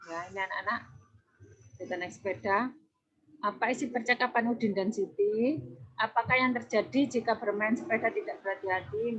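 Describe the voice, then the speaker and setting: A woman teacher with a Javanese Indonesian accent reads a children's textbook lesson aloud, pausing gently to check in with her pupils. Her voice sits a little high. The recording is dull and lo-fi. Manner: gentle, repeats "ya, Nak, ya" to pupils. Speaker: primary school teacher.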